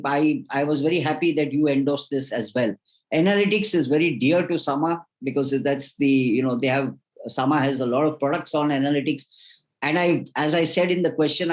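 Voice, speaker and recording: A man wraps up an online session as host, courteous and effusive in his praise. He often restarts his sentences, and his voice sits fairly high. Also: rough recording. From India. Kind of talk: formal closing remarks on a video call.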